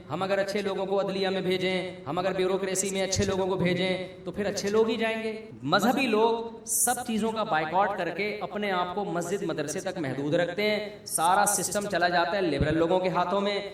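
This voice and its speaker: A man's voice: high-pitched, a bit bright, a little hiss or hum. A middle-aged man from Pakistan, an Islamic preacher, giving a humorous conversational sermon full of rhetorical questions and jokey asides. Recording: very echoey, mic far off.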